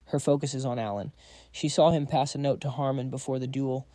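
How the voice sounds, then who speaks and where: A man's voice: mid-range voice, steady tone, brisk, dark tone, no echo, clean studio sound. A man narrating a scripted story recap, dropping quips to the audience.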